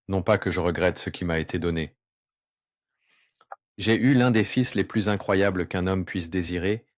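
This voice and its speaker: A man whose voice is pitched down very deep to disguise it, earnestly and remorsefully telling his personal testimony. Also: no room sound, clean studio sound. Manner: earnest, remorseful, with pauses and slow stretches. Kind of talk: confessional first-person testimony.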